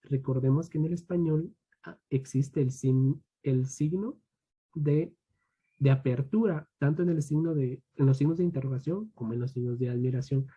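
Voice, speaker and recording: A young man from Guatemala, a student teacher giving an online grammar lesson. He reads rules aloud and then adds slow asides to his students. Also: mid-range voice, warm tone, breathy edge, lo-fi sound.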